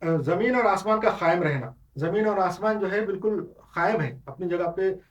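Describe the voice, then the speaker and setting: A man's voice: sits high, moderate pace, recorded from a distance, muffled recording. A man giving an unscripted Islamic lecture, explaining points step by step with many English words and frequent restarts. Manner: explanatory, mixes English terms into Hindustani; frequent restarts and filler sounds. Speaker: Islamic teacher.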